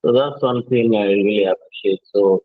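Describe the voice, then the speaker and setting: A man's voice: fairly low pitch, fairly quick. A man giving earnest course feedback on a video call over a bad connection, hesitant and full of fillers. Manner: earnest, many fillers and restarts. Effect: bad connection, tinny and phone-like. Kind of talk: casual spoken testimonial on a video call. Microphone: video call mic with interference. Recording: tinny phone-like call line.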